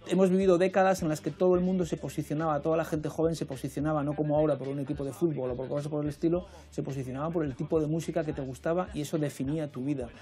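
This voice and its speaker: A man with a higher, mellow voice speaks fast and earnestly. He rushes ahead, clipping some words. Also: fairly even intonation. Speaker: interviewee. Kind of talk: interview talk.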